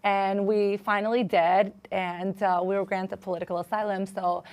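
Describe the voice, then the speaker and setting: A woman's voice: mid-range voice, flat delivery, moderate pace, a little mellow. A woman from Albania, raised in New York, reflectively telling her life story as a podcast guest. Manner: reflective, speaks with fillers. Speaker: guest, business coach. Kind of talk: casual interview storytelling.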